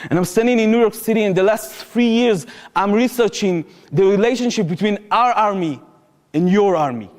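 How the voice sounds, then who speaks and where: A man's voice: sits high, normal speed, a little mellow. A man from Israel with an Israeli accent, giving a public lecture and telling a personal story with urgency. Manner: impassioned storytelling, urgent warnings. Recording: echoey hall with long reverb.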